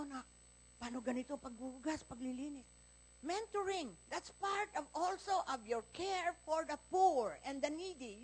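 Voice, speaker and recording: A woman's voice: high-pitched, a little hiss or hum. A woman pastor with a Filipino accent preaching a live Sunday sermon, telling stories animatedly and acting out the dialogue. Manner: animated storytelling, acts out dialogue in quoted voices. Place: church service, recorded live.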